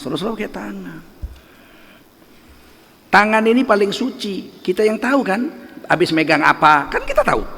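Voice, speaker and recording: A man's voice: fairly high pitch, fairly bright tone, big-room sound. A middle-aged man preaching a religious lecture in a mosque, emphatic and full of rhetorical questions to the audience. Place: mosque hall.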